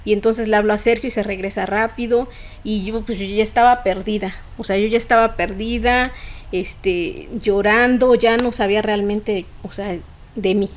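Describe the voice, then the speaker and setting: A woman's voice: mid-range voice, fairly even intonation, normal speed, a little hiss or hum. A woman, a podcast guest telling a personal story in conversation, emotional and fluent, with frequent fillers.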